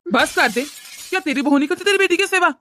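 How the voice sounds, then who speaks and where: A woman's voice: very high-pitched, expressive, quick pace, sharp tone, no room sound, clean studio sound, soft background music, full character voice. A woman voicing a stern older father in a cartoon, lecturing his wife and daughter reproachfully. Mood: scolding. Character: stern scolding older father-in-law, man. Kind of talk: cartoon voice acting.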